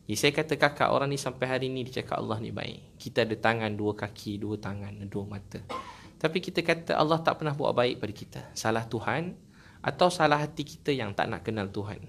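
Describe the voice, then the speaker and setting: A man with a Malaysian Malay accent gives a sermon to a gathering. His voice sits in a middle pitch, and he tells stories warmly paced, slipping in jokes and acting out what people said. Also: fairly quick, gravelly, slight background noise. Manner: storytelling with jokes and acted quotes. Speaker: preacher. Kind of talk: religious talk to a gathering.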